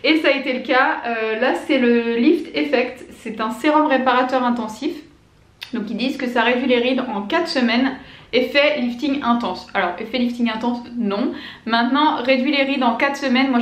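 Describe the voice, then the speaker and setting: The sound is roomy as a late-twenties beauty vlogger with a fairly high voice gives an enthusiastic, casual product review to camera. She stumbles into plenty of fillers and restarts.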